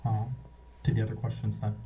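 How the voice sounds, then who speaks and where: A man's voice: on the low side, flat delivery, brisk, mellow. A man applying before a zoning board, answering questions hesitantly with repeated restarts. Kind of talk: public meeting testimony. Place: town meeting room. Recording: distant, dull, faintly noisy mic.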